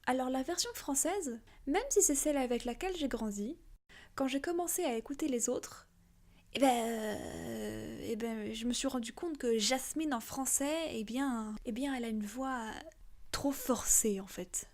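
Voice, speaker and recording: A woman's voice: a little high, moderate pace, a little mellow. A woman giving frank, chatty opinions in a casual vlog, with many fillers. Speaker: video creator.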